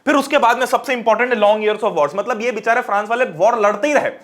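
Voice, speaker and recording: A man in his twenties teaching an online class lecture, energetic and chatty, talking straight to his students. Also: very high voice, fast. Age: 20s.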